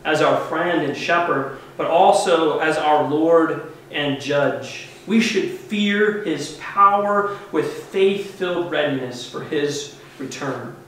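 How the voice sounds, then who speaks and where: Preaching slowly from the pulpit, a pastor in his thirties gives an earnest, emphatic sermon in a high-leaning, fairly bright voice. The far-off camera mic, with no visible microphone, records a very echoey church with some hiss or hum.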